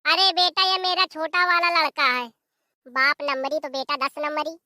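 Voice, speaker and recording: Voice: sits high, flat delivery, normal speed, sharp tone, no room sound, studio quality. A performer voicing a stingy, mocking old village father in a cartoon. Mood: amused.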